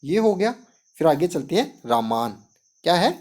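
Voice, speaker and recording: A man's voice: on the high side, sing-song, moderate pace, darkish tone, a little hiss or hum. A man teaching a Sanskrit lesson, explaining step by step and asking and answering his own questions. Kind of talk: classroom lesson.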